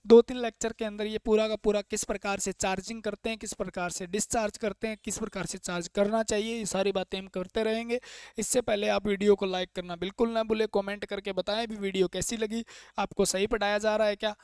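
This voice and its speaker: A man's voice: high-pitched, level tone, a little fast, a little mellow, clean tone, dry recording, studio quality. A man from India teaching an online exam-prep lecture. He asks questions, answers them himself, and repeats key points in an earnest, coaxing way. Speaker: trade theory teacher.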